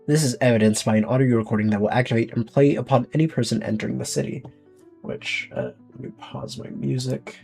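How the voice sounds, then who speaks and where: A man's voice: mid-range voice, fairly even intonation, a little fast, creaky, warm tone, husky, soft background music, rough recording. A man streaming, reading a document aloud with casual, thinking-aloud asides.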